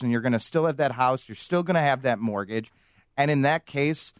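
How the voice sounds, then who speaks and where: A man's voice: mid-range voice, smooth, dry recording, studio quality. A man, a mortgage guest confidently explaining loans on a radio show.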